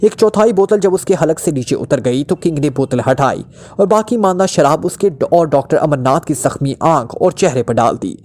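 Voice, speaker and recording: A man narrating a crime thriller story with a steady, dramatic reading. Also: fairly high pitch, normal speed.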